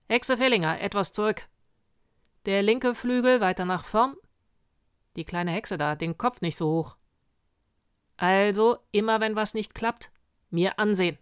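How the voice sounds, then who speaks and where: A woman's voice: mid-range voice, clean tone, no echo, studio quality, lightly acted. A woman voicing a stout, grumbling old male sergeant who barks drill commands at a troop of witches.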